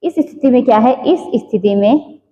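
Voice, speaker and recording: A woman teaching an exam-coaching class with a high voice. She dictates slowly word by word, repeats phrases and keeps asking rhetorical questions. The sound is dull and lo-fi, with a long echo from the room. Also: dark tone.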